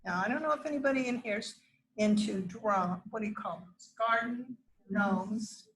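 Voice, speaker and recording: A middle-aged woman teaches a gardening class to a live classroom audience in an informal lecture, chatting freely with asides and restarts. Her pitch is fairly high and her speed normal, though the audio is poor.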